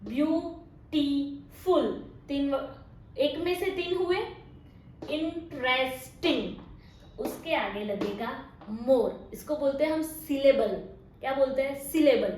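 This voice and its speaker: A woman with a Gujarati accent gives a classroom-style English grammar lesson, mixing Hindi and English, drawing out example sentences and often asking "okay?" Her high, lively voice has a darkish tone and an unhurried pace. The room is echoey, with faint noise.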